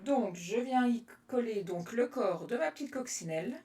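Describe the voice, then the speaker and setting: A fairly high-voiced woman from France walks through a card-making project live and answers viewers by name as she works. She sounds relaxed and chatty. Her voice carries a roomy echo and sits a little away from the mic. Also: moderate pace, far from the mic, background noise. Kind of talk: casual crafting demonstration, chatting with viewers.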